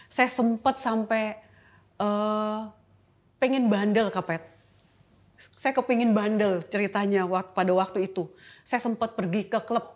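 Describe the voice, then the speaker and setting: A middle-aged woman sharing a personal testimony as an interview guest, talking candidly and emotionally in a loose, colloquial way. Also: medium pitch. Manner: candid and emotional, colloquial with frequent filler tags. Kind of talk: casual interview chat.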